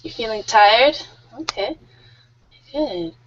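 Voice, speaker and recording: A woman's voice: a little high, expressive, slow, slight background noise. A woman in her thirties teaching an online English group class, friendly and a little nervous, laughing often. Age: 30s. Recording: muffled lo-fi audio.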